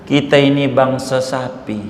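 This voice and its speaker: A man voicing a patient, gentle mother cow in a spoken animal tale, explaining things softly. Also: mid-range voice, level tone, a little slow, pitched below the performer's own voice, close to an everyday voice. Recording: echoey hall with faint noise.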